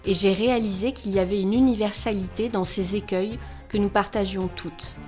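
A woman in her forties narrates in a calm, confiding, intimate way, as though speaking to one listener. Her voice sits at a middling pitch, neither high nor low, and the delivery is scripted and even. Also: moderate pace, faint music behind. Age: 40s. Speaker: blogger and host.

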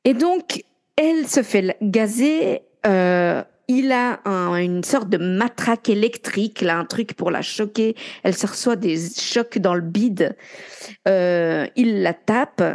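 Gravelly-voiced woman telling a crime story. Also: medium pitch, slow, a little mellow. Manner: chatty, retells events with quoted dialogue. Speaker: podcast co-host. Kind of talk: casual true-crime storytelling.

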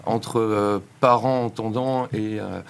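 A man giving explanatory answers as an interview guest, measured and articulate, pausing between phrases. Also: fairly low pitch, steady tone, gravelly, smooth. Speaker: institute director and founder, interview guest.

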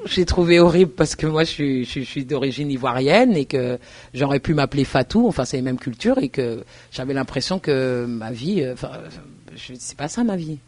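A woman's voice: a bass voice, expressive, fairly quick, a little mellow. A woman university lecturer answering interview questions earnestly, thinking aloud with hesitations and restarts and often checking that the listener follows.

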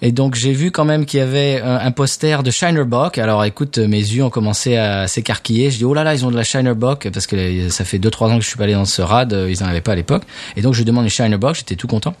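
A man's voice: medium pitch, fast talker, hardly any pauses. A man hosting a casual podcast chat, telling stories with lots of restarts and fillers. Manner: chatty storyteller with many restarts. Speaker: podcast host. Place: United States.

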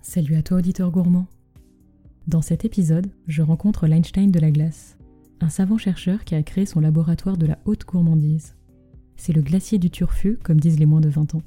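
A woman with a very dark, mellow, fairly low voice tells a scripted story as a podcast host. She speaks close to the mic, as if right in your ear, with music playing softly behind her. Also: steady tone, normal speed.

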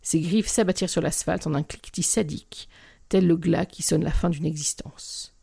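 A woman reading a first-person story aloud in an expressive, dramatic way. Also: deep voice, normal speed, vocal fry, slightly rough.

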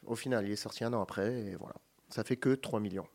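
A man co-hosting a radio music show, reading long lists of names with joking asides and quick self-corrections. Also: fairly low pitch, gravelly, a little mellow. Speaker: radio co-host presenting a music segment. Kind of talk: casual radio chat.

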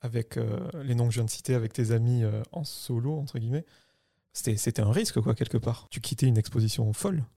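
A man's voice: medium pitch, quick pace, creaky, warm tone, no room sound, studio quality. A man interviewing a guest with informal, friendly questions.

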